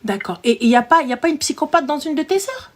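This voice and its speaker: A woman that has hosts a live advice chat in a fairly high voice. She is blunt and teasing, and she keeps calling the caller "ma chérie.". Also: lively intonation, quick pace. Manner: blunt, teasing, says "ma chérie" often, mixes in Arabic words. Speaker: host giving advice to a caller.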